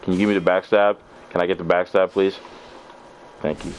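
A man's voice: low-pitched, level tone, fairly quick. A man commentating his live gameplay, trash-talking opponents in loose, profane slang. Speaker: game streamer.

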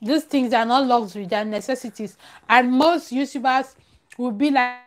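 A young woman hosting a live stream chats casually and gives advice to viewers, emphatic and repeating phrases for stress. Her voice is a little high at a normal pace. She's in a small room at home near a plain wall, with a clip-on lavalier at her collar.

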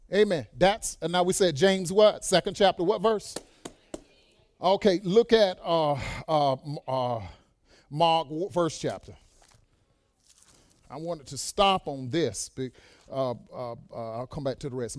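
Male pastor, fairly high voice, dry close sound; fervent sermon delivery with loud amen-filled bursts and quiet storytelling stretches. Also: dry recording. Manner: swells into loud exclamations, trails off quietly in stories; punctuates lines with "amen" and "bless God". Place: church service with a congregation.

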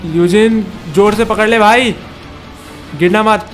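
A man giving excited gameplay commentary, taunting and repeating words in quick bursts. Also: high voice, soft background music. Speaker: gaming channel host.

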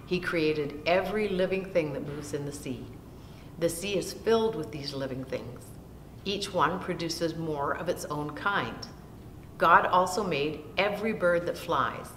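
An older woman slowly reads a Bible story aloud for children, seated in a small room and taking long lists word by word. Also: a bit bright. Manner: slow, deliberate reading of long lists. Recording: roomy echo with long reverb and faint rumble.

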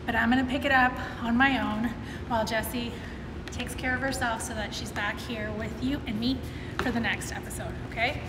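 A woman's voice: a little high, steady tone, moderate pace. A woman fitness trainer leading a home workout, giving upbeat coaching cues, counting down and cheering. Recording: echoey room with long reverb and noise.

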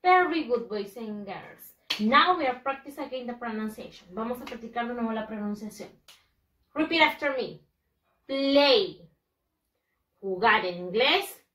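A woman teaching English to young children, a Spanish speaker who drills pronunciation slowly and emphatically and switches between two languages. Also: on the high side, expressive, a bit bright, roomy sound, recorded from a distance, rough recording. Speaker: first-grade English teacher. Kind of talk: bilingual classroom lesson.

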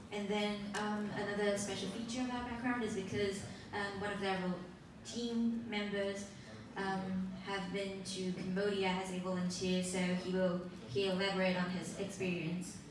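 A teenage girl from Taiwan, a native Mandarin speaker, presenting a student pitch in English. She speaks carefully, with light fillers. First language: Mandarin Chinese. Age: teens. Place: conference hall, indoors. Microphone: handheld mic at a lectern, filmed by a far phone camera. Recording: echoey hall from far off.

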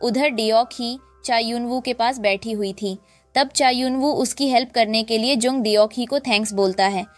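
A woman narrating a drama recap in a lively storytelling way, acting out the quoted lines. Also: fairly high pitch, moderate pace, soft background music.

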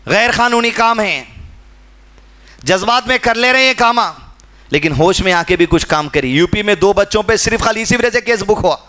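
A man from India giving a mosque sermon, swinging between loud exhortation and low, earnest asides. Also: lively intonation, moderate pace. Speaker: mosque speaker.

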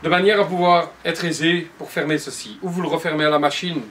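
Speaking straight to the viewer, a man in his forties patiently explains cushion upholstery step by step in his workshop showroom. His voice is fairly high and fairly bright, steady in tone and brisk. There is a little hiss or hum from the camera mic.

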